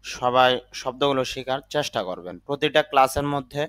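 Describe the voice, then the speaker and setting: A mid-range, animated voice, fairly bright, clear and resonant, belongs to a man teaching English vocabulary in a slow Bengali-language lesson. Word by word, he carefully spells and pronounces each term.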